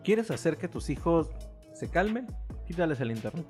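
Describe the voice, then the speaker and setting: A man with a Mexican accent chatting on a podcast, telling lively stories full of slang and casual swearing. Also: on the high side, moderate pace, soft background music. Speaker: podcast co-host.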